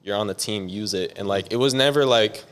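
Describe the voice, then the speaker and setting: A young music producer from San Diego, USA, speaks briskly in a clear, resonant voice on the low side. He's relaxed and rambling in this casual interview, using "like" constantly.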